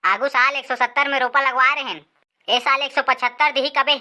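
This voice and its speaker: A woman voicing a sharp-tongued village mother in a cartoon, scolding her son with a Chhattisgarhi accent. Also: sits high, fairly even intonation, brisk, noisy background, lightly acted. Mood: nagging. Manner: scolding, threatening.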